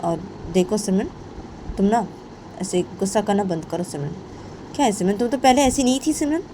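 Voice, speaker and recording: A woman voicing a stern middle-aged mother who scolds in a low voice and keeps repeating her daughter's name. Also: brisk, background noise, natural voice. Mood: scolding.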